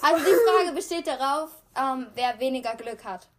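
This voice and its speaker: A young woman playing a quick-fire party game with a friend, chatty and quick to protest with a laugh. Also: high-pitched, fairly bright tone. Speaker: co-host. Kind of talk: casual chat game.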